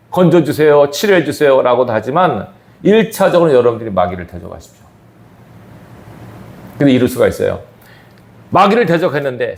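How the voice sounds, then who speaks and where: A man's voice: mid-range voice, gravelly, darkish tone. A man preaching a sermon as pastor, his emphasis rising and falling sharply. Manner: emphatic preaching with sudden rises and drops. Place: church sanctuary. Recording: echoey church hall.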